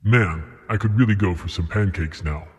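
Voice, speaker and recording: A man voicing the blunt, sarcastic voice inside his own head, low and husky. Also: moderate pace. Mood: longing. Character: blunt deep male inner voice, warning and sarcastic. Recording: long hall reverb.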